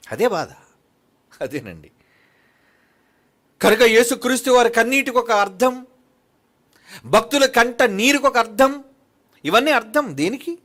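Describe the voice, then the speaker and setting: A male preacher giving an impassioned sermon, swinging between hushed and loud and asking the congregation many rhetorical questions. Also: very high voice.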